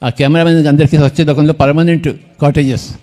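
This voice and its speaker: A man's voice: fairly high pitch, steady tone, quick pace, dark tone. An older man, leading a meditation gathering and speaking informally, with joking, teasing asides to people in the crowd. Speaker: meditation movement leader.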